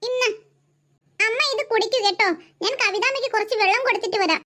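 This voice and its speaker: A woman's voice: extremely high pitch, fast talker. Woman doing a sweet dutiful cartoon girl. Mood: gentle. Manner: soft, polite, sweet. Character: gentle dutiful young woman. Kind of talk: cartoon voice acting.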